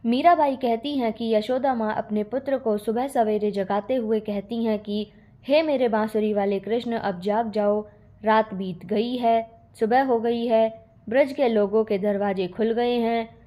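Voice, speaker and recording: A woman's voice: fairly high pitch, fairly even intonation, measured pace, mellow. A woman teacher steadily reading out a poem explanation and answers for a school lesson.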